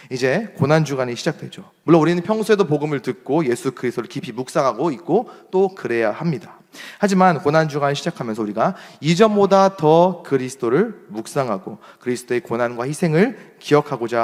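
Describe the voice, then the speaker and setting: Young male pastor, Seoul speech, animated sermon storyteller, ringing hall reverb. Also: medium pitch, a little fast. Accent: Seoul standard Korean. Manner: animated storyteller acting out shouted quotes. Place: church hall. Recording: long reverb of a church hall.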